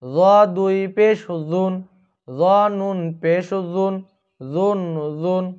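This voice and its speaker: A man teaching Quran recitation rules, chanting letter drills slowly and repeating each sound. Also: high-pitched, dark tone, smooth. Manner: slow, drawn-out chanting of letter drills, quicker when explaining. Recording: dull lo-fi sound.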